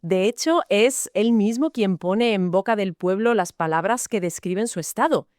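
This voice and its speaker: A woman's voice: medium pitch, expressive, normal speed, darkish tone, dry recording, clean studio sound. A woman from Spain co-hosting a Bible study podcast, asking and clarifying points. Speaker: podcast co-host.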